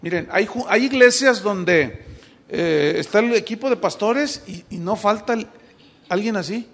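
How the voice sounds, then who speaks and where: High-voiced gravelly preacher in a reverberant hall. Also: male voice, expressive, a little slow, a bit bright. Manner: storytelling with acted dialogue, many restarts. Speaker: pastor. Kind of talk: sermon.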